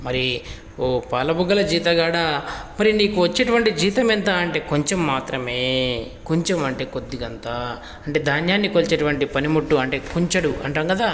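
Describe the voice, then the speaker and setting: A man's voice: a little high, a bit bright, slight background noise. A man teaching a class lesson, explaining a poem line by line with many repeated rhetorical questions. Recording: echoey room with long reverb.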